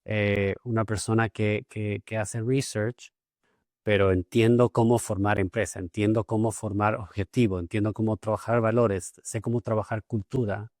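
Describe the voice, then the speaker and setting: A man with a somewhat low voice hosts an interview, asking questions thoughtfully. He hesitates often and repeats words while he gathers his thoughts. The sound is dry and close-miked. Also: fairly even intonation, moderate pace, darkish tone, no room sound. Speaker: podcast host. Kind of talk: casual interview conversation.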